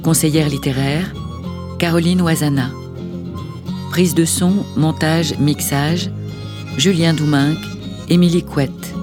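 A woman's voice: low-pitched, steady tone. A woman reading out the closing credits of a radio drama in a formal way. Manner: slow, formal. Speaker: credits announcer. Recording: music playing behind.

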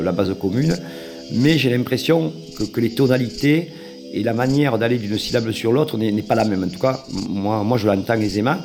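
A man with a Marseille accent explaining, a bit hesitantly, how southern accents differ. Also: on the low side. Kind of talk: reflective interview testimony. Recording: music playing behind.

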